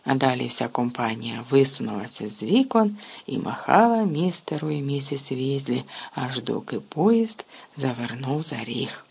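A reader narrating a storybook in a steady, even way with a husky voice. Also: medium pitch, normal speed. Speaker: audiobook narrator.

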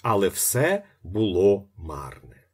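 A man reading a literary novel aloud as its narrator, with expressive swings in his voice. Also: takes it slowly, slightly rough. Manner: expressive, with lively pitch swings.

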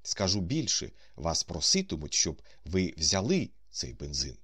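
A grand con man with a cool, commanding air, as a low-voiced man reads him. He talks haughtily, with lively swings of pitch. The sound is close and dry. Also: unhurried, husky, dry recording, heavily acted. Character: grand scheming male con man, adult.

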